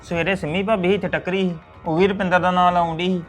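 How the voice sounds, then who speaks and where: A man's voice: sits high, level tone, fast, soft background music, close to an everyday voice. A man playing an exasperated grown son. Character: exasperated grown son caught between wife and mother. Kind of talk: web series family drama.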